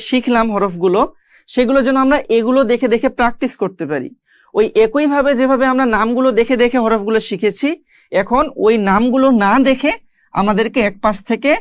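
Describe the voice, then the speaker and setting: A man's voice: extremely high pitch, no echo, clean studio sound. A man teaching Quran reading to beginners, patient and step by step, often pointing the listener back to the page. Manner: patient, explains step by step and keeps saying "look". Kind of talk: recorded beginner lesson.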